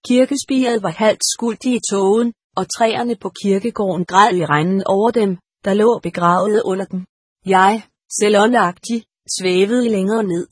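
Calm woman audiobook narrator, husky tone, dry close read. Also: mid-range voice, dry recording. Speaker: audiobook reader. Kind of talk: storybook narration read aloud.

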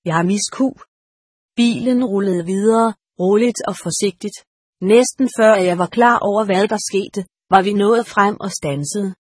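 A woman calmly reading a story aloud as an audiobook narrator. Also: medium pitch, slightly rough, dry recording, clean studio sound. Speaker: audiobook reader.

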